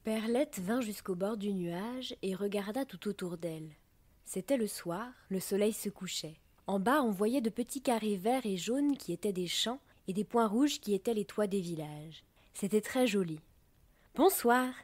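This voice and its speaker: A woman reads a children's storybook in a soft, gentle voice, easing down close to a whisper on quiet passages. Her pitch sits in the middle for a woman, and her telling is calm and even. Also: moderate pace. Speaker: reader. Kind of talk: storybook narration.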